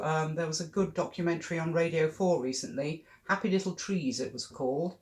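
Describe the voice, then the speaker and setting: A British art club tutor giving a relaxed acrylic painting demonstration, thinking aloud with chatty, cheerful asides. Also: mid-range voice.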